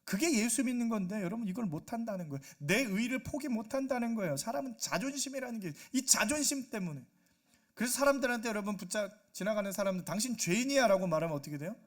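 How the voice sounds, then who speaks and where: High-pitched guy pastor preaching in church, lively, acts out voices, keeps asking the crowd stuff. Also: fast talker. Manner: animated, acts out quoted voices, asks the congregation questions. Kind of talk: sermon. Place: church sanctuary.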